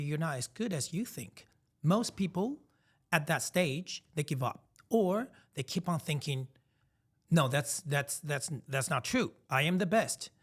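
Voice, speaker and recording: A man in his thirties, originally from Taiwan, co-hosting a casual podcast chat and telling emphatic, reflective stories with frequent restarts. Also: a little high. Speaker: podcast co-host.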